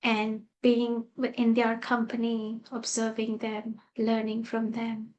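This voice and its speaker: A woman from Malaysia tells a reflective personal story as a guest. Her voice sits a little high and moves in a narrow, even line. She speaks slowly and softly, with gentle pauses and fillers. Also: a little hiss or hum. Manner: soft-spoken and unhurried, with gentle fillers. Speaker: guest speaker, meditation teacher.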